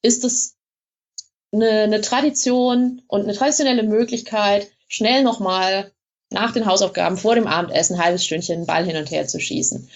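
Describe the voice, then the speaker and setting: A woman's voice: mid-range voice, normal speed, dull audio. A woman blogger being interviewed, explaining things in a chatty way with frequent hesitations. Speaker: blogger in Russia, guest. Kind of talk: casual interview.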